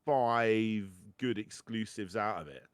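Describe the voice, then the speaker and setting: A man's voice: on the low side, takes it slowly, clean tone. A man with a British accent chatting on a podcast, enthusiastic and often stammering and repeating words as he talks. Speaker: podcast host. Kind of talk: casual chat.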